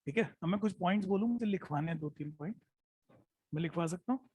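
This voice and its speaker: A man teaching biology in an online class, mixing Hindi with English terms, dictating notes slowly and repeating each phrase, often checking in with "hai na?". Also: sits high, warm tone, husky, no room sound, lo-fi sound. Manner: mixes Hindi with English terms, calls students "beta".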